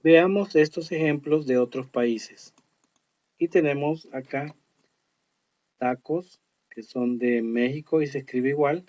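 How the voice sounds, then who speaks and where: Male teacher, slow careful explainer, slightly high voice, dull lo-fi audio. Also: darkish tone. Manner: slow, explanatory, reads English words carefully. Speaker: English teacher. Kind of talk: online lesson narration.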